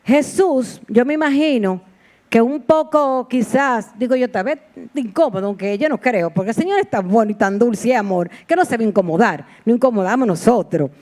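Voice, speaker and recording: A woman's voice: on the high side, animated, normal speed, a little mellow. A woman preacher giving a sermon in a heartfelt, personal storytelling manner, with repeated exclamations. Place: church sanctuary.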